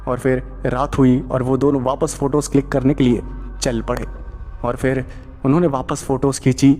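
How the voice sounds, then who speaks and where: A man narrating a horror audio story in a plain, steady way, linking events one after another. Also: mid-range voice, big-room sound. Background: faint music.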